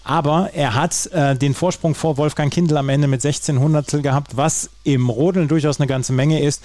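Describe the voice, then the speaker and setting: A man's voice: on the high side, fairly even intonation, moderate pace, darkish tone, no room sound. A man hosting a sports podcast, talking through results in fluent German with occasional fillers and restarts. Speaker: podcast host.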